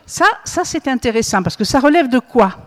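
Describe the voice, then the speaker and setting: A woman's voice: on the high side, expressive, fairly quick. Woman, Bible study leader, conversational teaching, checks in with the group often; long hall reverb. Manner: asks the group questions, frequent tag "hein?" and "hmm?".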